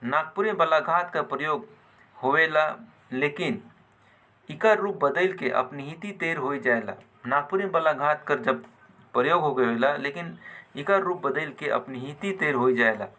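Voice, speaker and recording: A man teaching a grammar lesson, deliberately repeating example words in pairs. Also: a little high, bright, forceful tone.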